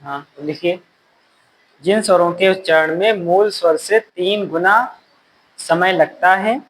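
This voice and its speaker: A male teacher giving a classroom lecture, repeating key phrases slowly so students can write them down. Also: high-pitched, a bit bright, slight background noise, poor audio.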